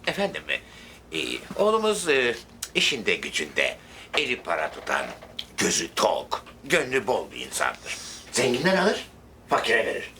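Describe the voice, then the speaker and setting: An actor playing an older grandfather who makes a formal, flattering speech. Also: medium pitch, a little slow, far from the mic, noisy background. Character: grandfather making a marriage proposal speech. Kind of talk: sitcom acting.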